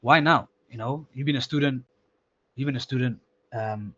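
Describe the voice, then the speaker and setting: A man's voice: mid-range voice, normal speed, a bit bright. Guy mentoring a student on a call review, repeats himself a lot, kinda dull audio. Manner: casual, repeats words, calls listener akhi. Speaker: sales mentor. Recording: slightly dull lo-fi sound.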